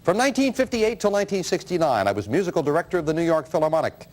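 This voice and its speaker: Lively high-pitched male game show host. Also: rapid-fire. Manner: animated, teasing banter with contestants. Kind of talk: live quiz hosting with read questions. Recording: loud studio crowd noise. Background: studio audience.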